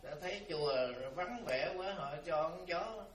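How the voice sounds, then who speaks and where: A man playing a calm, kindly monk who greets temple guests and explains things gently. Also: high-pitched, unhurried. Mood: explaining. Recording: roomy, from far off, faint hiss.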